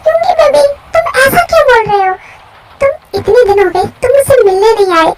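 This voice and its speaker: A woman voicing a whiny, clingy, scheming young woman who pleads in a high voice. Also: lively intonation, moderate pace. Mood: pleading. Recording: faint music behind.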